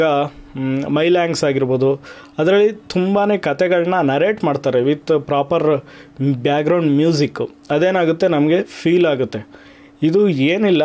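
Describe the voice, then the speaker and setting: A man with a fairly high, slightly mellow voice hosts a YouTube channel, talking viewers through explanations. He works English terms into his speech and stresses each item as he lists them.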